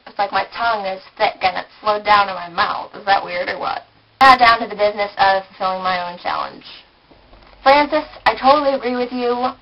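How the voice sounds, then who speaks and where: A woman's voice: medium pitch, muffled recording, a little hiss or hum. A woman vlogging at her desk, chatty and playful, poking fun at herself as she shows her things. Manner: chatty, playful, self-deprecating. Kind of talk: casual vlog talk.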